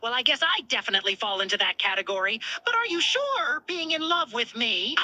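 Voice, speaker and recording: A woman's voice: fairly high pitch, sing-song, fairly quick, sharp tone, pitched above the performer's own voice, heavily acted. A woman voicing a small male alien army commander who flirts in a flustered, hesitant, teasing way for a fan fiction roleplay dub. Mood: unsure, teasing.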